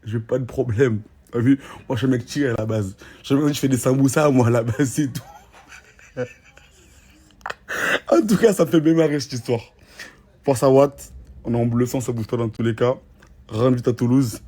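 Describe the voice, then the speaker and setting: A man's voice: medium pitch, dark tone, husky. A man with a Marseille French accent, talking in casual slangy chat and teasing a friend with mock warnings. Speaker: vlogger.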